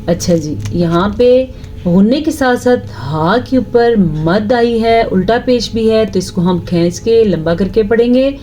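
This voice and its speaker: A woman teaching tajweed, explaining each rule patiently and checking her students follow, then reciting verses slowly in a drawn-out chant. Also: medium pitch, mellow, slight background noise. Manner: explains rules patiently, asks "ٹھیک ہے؟" after each point.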